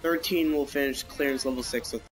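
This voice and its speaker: A man's voice: medium pitch, a little fast, soft background music. Young man rambling over racing gameplay. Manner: rambling, reacts aloud to the race. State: has the hiccups. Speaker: gameplay commentator. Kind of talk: casual let's-play commentary.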